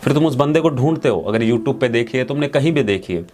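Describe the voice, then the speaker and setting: A man's voice: mid-range voice, expressive, fairly quick, darkish tone. A young man hosting a storytelling channel, giving an earnest, reflective monologue and asking the listener direct questions. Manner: earnest, direct, speaks straight to the viewer with questions. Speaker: poetry and storytelling channel host. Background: background music.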